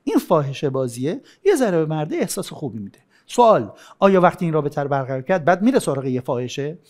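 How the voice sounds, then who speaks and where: A man gives a relaxed, conversational lecture with a fairly high voice. His pitch rises and falls a lot as he acts out little example scenes between couples. He sounds like a teacher chatting with his class. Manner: colloquial and animated, acting out little scenes. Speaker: sex educator. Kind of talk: recorded course lecture.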